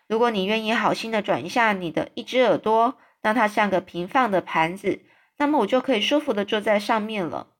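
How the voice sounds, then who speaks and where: A woman doing a lively little girl. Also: medium pitch, fairly quick, natural voice. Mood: eager. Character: small brave young girl, lively and polite.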